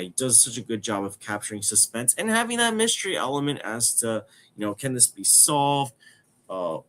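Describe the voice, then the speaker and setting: Guy in his 20s doing a casual movie review, kinda low voice, stuffy nose from a cold. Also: fairly bright tone. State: has a cold. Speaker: film review podcast host.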